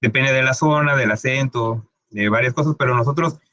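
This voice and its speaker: A man's voice: medium pitch, brisk, bright, forceful tone, dry recording. A man giving a casual English pronunciation lesson, often checking in with "¿ok?" and stretching out sounds to demonstrate them. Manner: conversational, often asks "¿ok?"; many fillers and restarts, stretches words to demonstrate sounds. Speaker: English teacher.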